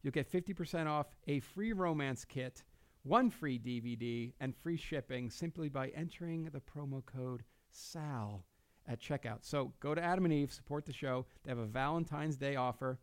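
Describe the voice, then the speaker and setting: Recorded cleanly with no echo, a man from New Jersey hosts a casual studio podcast in a mid-range voice at normal speed. He's brash and jokey, cursing openly while reading plugs and talking with his guests.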